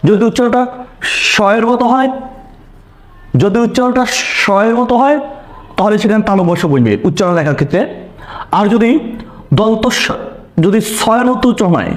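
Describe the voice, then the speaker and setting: Teacher, male, high voice; repeats points, quizzes the class rhetorically, online lesson. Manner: repeats key points and asks rhetorical questions.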